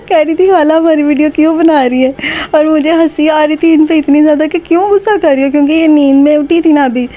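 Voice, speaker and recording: Chatty Pakistani woman, mellow voice. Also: high-pitched, a little hiss or hum. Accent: Pakistani Urdu. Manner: chatty and warm-hearted, with frequent conversational fillers. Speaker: vlogger. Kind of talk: voice-over narration of a family vlog.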